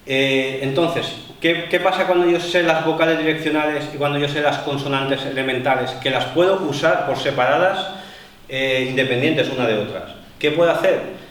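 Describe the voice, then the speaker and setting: A man instructing a martial arts class, explaining to the group with many fillers and pauses. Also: fairly high pitch, a bit bright. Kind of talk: live seminar demonstration. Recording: echoey hall, voice from far off, faint noise.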